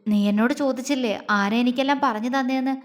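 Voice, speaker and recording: Woman playing a tender young man, gentle, slow, slightly lowered voice, audio story, reverberant. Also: natural voice. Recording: long reverb.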